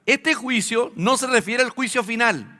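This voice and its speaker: A man with a Chilean Spanish accent preaching a sermon to a congregation, teaching conversationally with filler pauses. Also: very high-pitched, sharp tone. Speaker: pastor. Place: church hall. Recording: long hall reverb.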